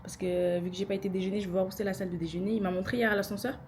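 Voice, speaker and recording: A woman's voice: mid-range voice, racing, slight background noise. Chatty young woman vlogging. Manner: chatty, excitable, self-talking asides. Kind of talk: casual vlog chat to camera. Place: hotel room, later rooftop pool. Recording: loud music behind.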